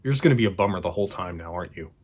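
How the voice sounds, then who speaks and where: A man's voice: deep voice, expressive, rapid-fire, a little mellow. A man narrating a casual, sarcastic video recap in a conversational way. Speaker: host of a video retrospective. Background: background music.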